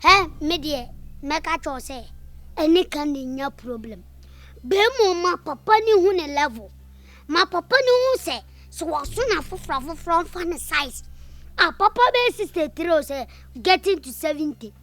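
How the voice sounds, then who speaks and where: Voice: sits high, expressive, normal speed, a bit bright. A performer with a Ghanaian accent and Twi as native language, playing a gossiping, indignant friend in an improvised comedy skit, with dramatic exclamations. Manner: dramatic, exclaiming, repetitive storytelling.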